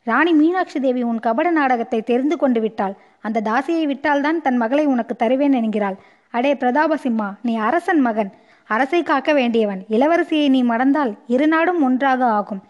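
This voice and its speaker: Stern queen mother, scolding, impassioned, voiced by a woman, high voice, audiobook story, dull lo-fi sound. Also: normal speed, darkish tone, natural voice. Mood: reproachful. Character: proud grieving middle-aged queen mother, stern.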